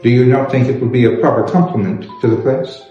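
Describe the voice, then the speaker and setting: A man voicing an effusive, flattering older gentleman in a formal storybook reading. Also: mid-range voice, fast talker, faint music behind, lightly acted. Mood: effusive flattery. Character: gushing, courtly older English gentleman. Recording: echoey room, slightly dull sound.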